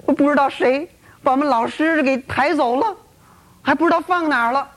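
A woman voicing a grieving young woman disciple who pleads in a rushed, breathless way. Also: sits high, close to an everyday voice. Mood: pleading.

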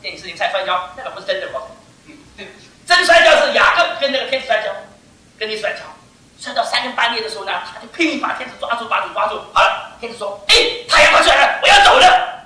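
An older man preaching a sermon to his church, emphatic and animated, pressing each point home with "I tell you.". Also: high voice, fast talker. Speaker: pastor. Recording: echoey hall, mic far off.

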